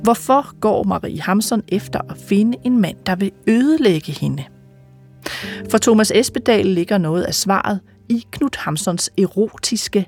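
Danish reporter woman, calm scripted narration, mid-pitched voice, faint music behind.

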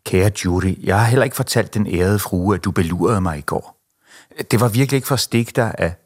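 A man's voice: lowish voice, close to an everyday voice. A man reading aloud the lines of a frightened young maid who pleads meekly. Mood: pleading. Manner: pleading, meek.

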